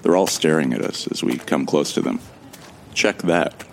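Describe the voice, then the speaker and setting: In this first-person audio drama, the narrator is a man with amnesia whose extremely deep voice crackles with gravelly fry. He sounds friendly, wry and conversational, speaking at a normal pace in an observant yet urgent mood.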